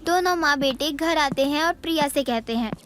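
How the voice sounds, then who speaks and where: A woman narrating an animated moral story in a plain, even storytelling manner. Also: sits high, normal speed.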